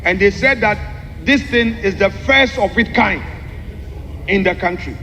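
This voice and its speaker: Addressing a large parliamentary chamber, a male MP walks through a document point by point in a formal, deliberate and emphatic style, his voice very high and bright. The recording carries long, echoing reverb plus background noise.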